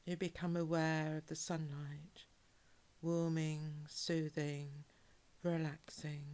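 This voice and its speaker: Woman, low-voiced hypnosis guide; calm, unhurried delivery with soft breathy endings. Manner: calm, measured, soothing, with drawn-out phrases. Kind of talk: guided relaxation hypnosis, soothing scripted narration.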